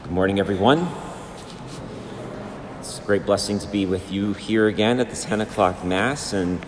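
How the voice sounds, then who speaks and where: A parish priest from Brooklyn, New York, reading the Gospel and preaching a Sunday homily in an unhurried, plainspoken way, heard in a cathedral echo. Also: male voice, lowish voice, background noise. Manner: unhurried, plainspoken, with casual fillers. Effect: cathedral echo, long church reverb. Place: large church sanctuary. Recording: long reverb in a large church.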